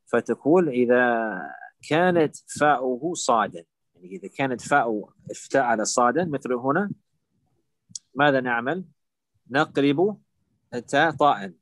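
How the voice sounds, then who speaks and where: A man's voice: medium pitch, lively intonation, no room sound, low-quality recording. Patient Arabic grammar teacher, man. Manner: patient, repeats words slowly and drills students. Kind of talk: live online lesson with students.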